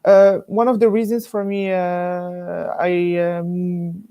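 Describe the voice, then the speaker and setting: A man's voice: sits high, little pitch movement, takes it slowly, dark tone, clean tone. A young man from Morocco, an engineering student answering interview questions hesitantly, with many fillers.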